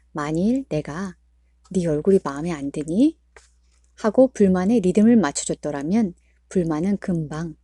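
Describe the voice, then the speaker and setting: Woman reading a book out loud, calm and even, mellow voice, dry close mic. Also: fairly low pitch, dry recording. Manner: calm, measured storytelling. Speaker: book reader. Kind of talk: read-aloud book narration.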